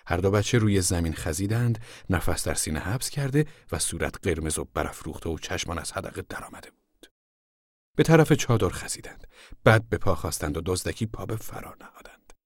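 A man narrating a novel aloud in a steady, hushed storytelling manner. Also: low-pitched, breathy edge, no room sound, studio quality. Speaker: audiobook narrator. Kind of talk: scripted narration.

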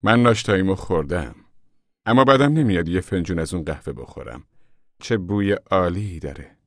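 Brief: male reader playing a cheerful, chatty little camp boss, low voice, dry sound. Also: lively intonation, no room sound. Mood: friendly. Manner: warm, friendly, chatty. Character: small, friendly, chatty camp manager. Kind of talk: audiobook character voice.

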